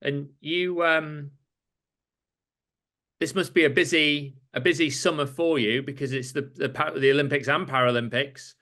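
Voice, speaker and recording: A man's voice: a little high, steady tone, moderate pace, bright, forceful tone. A man interviewing a former runner, asking friendly, self-deprecating questions in a casual conversation. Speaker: interviewer, athletics journalist.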